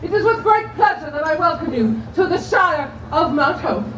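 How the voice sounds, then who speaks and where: A woman's voice: very high-pitched, expressive, moderate pace, a bit bright. A woman playing a flustered, fawning lady mayor in theatrical olde English, gushing and stammering on an outdoor Renaissance fair stage. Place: outdoor wooden stage at a fair, far camera. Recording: echoey outdoor stage, crowd noise.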